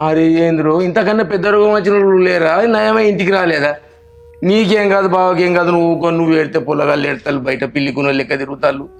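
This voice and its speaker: A man's voice: fairly high pitch, fast talker, natural voice. An actor playing a grieving older brother with a Telangana Telugu accent, consoling his sick sister. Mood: distraught. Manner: emotional, consoling. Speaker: actor in a family drama.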